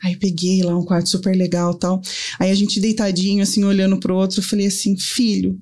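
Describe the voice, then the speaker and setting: A Brazilian woman with a Brazilian Portuguese accent, a guest on a talk show, telling stories lively and acting out the dialogue. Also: medium pitch, fast. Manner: lively storyteller, acts out quoted dialogue. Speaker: guest, life coach and psychotherapist. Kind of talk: casual talk show conversation.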